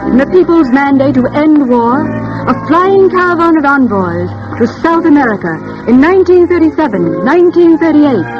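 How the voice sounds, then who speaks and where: A woman's voice: high voice, sing-song, normal speed, loud music behind the voice. A woman narrating a 1930s radio drama in an earnest, declamatory way, with the sound of an old-time radio broadcast. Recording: muffled 1930s radio recording with faint hiss.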